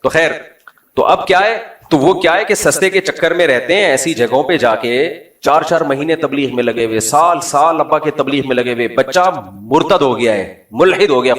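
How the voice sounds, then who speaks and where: A man's voice: mid-range voice, a bit bright, reverberant, far from the mic. A man preaching to a live audience in a conversational, lightly joking way, full of rhetorical questions. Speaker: Islamic preacher. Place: lecture hall with an audience.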